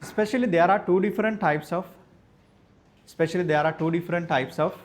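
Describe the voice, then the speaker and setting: A male maths teacher, dictating lecture notes slowly and repeating each phrase so students can write it down. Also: high voice. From Sri Lanka. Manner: repeats phrases slowly for note-taking, spells words out.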